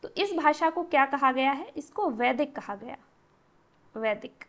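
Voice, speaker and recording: High-voiced woman teaching a lecture. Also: lively intonation, a little slow, a bit bright. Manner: explains step by step, asks and answers own questions. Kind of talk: exam-prep lecture.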